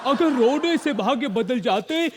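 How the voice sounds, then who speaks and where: A man's voice: very high-pitched, lively intonation, a little slow. A male comedian playing a melodramatic old suitor in a comedy sketch, declaiming grandly. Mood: grandiose. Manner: grandiose, declaiming, mock-heroic. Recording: studio audience laughter and noise.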